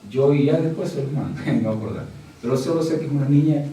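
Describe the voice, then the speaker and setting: Fiery pastor preaching in an echoey hall. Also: male voice, quick pace. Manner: swings between quiet storytelling and loud, high preaching; keeps addressing the congregation as brother. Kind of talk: sermon. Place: church hall. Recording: very echoey hall, mic from a distance.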